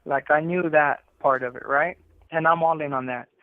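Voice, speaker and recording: A man speaking on a telephone handset from prison looks back on his life, earnest and conversational, sprinkling in "you know" and "right." His slightly high voice keeps a steady tone at a moderate pace over a tinny, narrow phone line.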